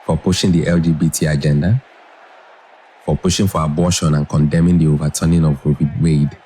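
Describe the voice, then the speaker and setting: Very deep, dark-voiced male commentator. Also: steady tone, a little fast, slight background noise. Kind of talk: scripted commentary narration.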